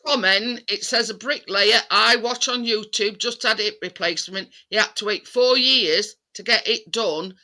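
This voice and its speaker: A man's voice: sits high, normal speed, few pauses, pushed and bright. A man in his sixties hosting a casual group chat, reading out comments and often restarting his sentences. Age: 60s.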